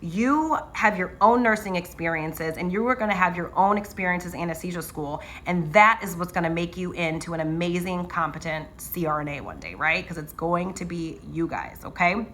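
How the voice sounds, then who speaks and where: A woman's voice: fairly low pitch, normal speed, few pauses, a little hiss or hum. A woman, a nurse anesthetist, giving casual motivational advice to students, telling stories with lots of fillers and asking "right?". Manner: animated storytelling, frequent fillers and "right?". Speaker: nurse anesthetist and channel host.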